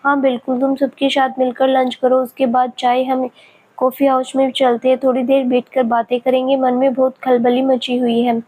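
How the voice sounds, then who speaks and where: A woman's voice: high-pitched, completely flat delivery, moderate pace, darkish tone, rough recording. A woman reading the part of an affectionate, playful middle-aged man in a spoken family story, speaking in a coaxing way.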